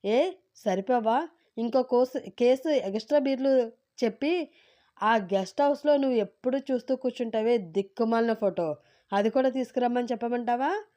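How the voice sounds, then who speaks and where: A dry, sarcastic middle-aged father from a spoken storybook, played by a woman narrator. His voice stays mellow and level, and the mockery sits under every line. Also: a little high, normal speed, voice pushed up, lightly acted. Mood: mocking.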